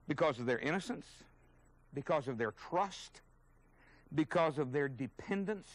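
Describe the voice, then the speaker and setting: A man's voice: mid-range voice, no echo, poor audio. A man teaching a sermon as a Bible teacher, earnest and emphatic, openly indignant at his subject.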